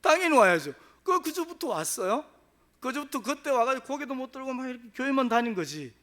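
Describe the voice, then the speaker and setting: A male pastor preaching a story-driven sermon in a church. His voice sits high and rises and falls with great animation, dramatizing every turn. He addresses the congregation directly. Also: big pitch swings, a little fast, fairly bright tone. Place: church sanctuary.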